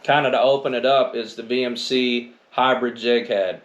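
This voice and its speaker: A man's voice: mid-range voice, fairly even intonation, normal speed, highs cut off. A middle-aged American man chatting casually and colloquially about gear, peppering his talk with "man" and "you know". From northern United States. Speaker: angler presenting gear. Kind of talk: casual chat. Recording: roomy echo, faint noise.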